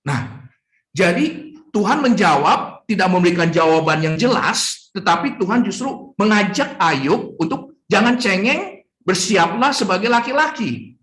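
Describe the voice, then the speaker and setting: Lively high-voiced preacher in an echoey room. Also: male voice, measured pace. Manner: rhetorical questions to the congregation, chuckling asides. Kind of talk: sermon.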